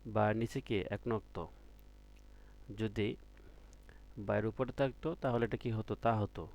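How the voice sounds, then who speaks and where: A man's voice: on the low side, steady tone, creaky, a little mellow, dull audio. A man teaching Arabic letters in an online Quran reading class, asking students questions and stretching out each letter sound. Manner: patient, drills with repeated questions to students; drawn-out letter sounds when demonstrating.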